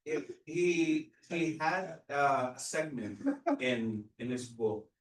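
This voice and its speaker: A man on a discussion panel who speaks hesitantly, with many restarts and pauses. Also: medium pitch, lively intonation. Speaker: real estate agent panelist. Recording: echoey room, mic at a distance.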